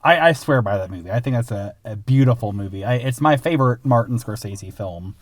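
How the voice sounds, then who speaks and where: A man from Illinois co-hosting a film podcast, talking earnestly with lots of halting fillers and frequent laughs. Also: mid-range voice, lively intonation, dry recording. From Illinois, USA. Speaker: podcast co-host. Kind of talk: casual film podcast chat.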